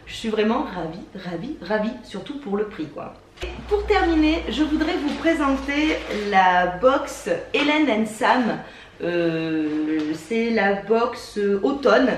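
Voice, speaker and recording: Woman vlogger, slightly high, gushing and hesitant with fillers; distant mic, echoey room, faint hiss. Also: lively intonation, takes it slowly. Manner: chatty, enthusiastic, hesitant with many fillers. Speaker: beauty box unboxing vlogger. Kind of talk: casual product review. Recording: roomy sound from a mic set back, faint hiss.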